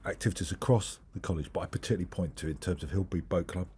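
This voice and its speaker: A man with a deep voice hosts a talk, introducing the speakers in a discursive, hesitant way. He sounds short of breath, with a rough, husky edge to his words. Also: very fast, darkish tone. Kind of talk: spoken introduction at an online talk.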